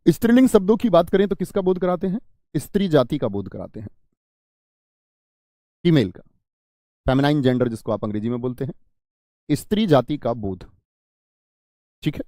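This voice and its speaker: Guy teaching grammar for an exam, asks stuff then answers it himself, warm voice, bounces around a lot. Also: on the high side, sing-song, moderate pace, pauses often, no room sound, studio quality. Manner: questions the class and answers himself; repeats key phrases for emphasis. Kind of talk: exam-prep grammar lesson.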